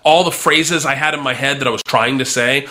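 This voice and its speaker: Bright-voiced man telling a wild story. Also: medium pitch, brisk. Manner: animated, does voices of people in his story. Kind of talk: casual storytelling.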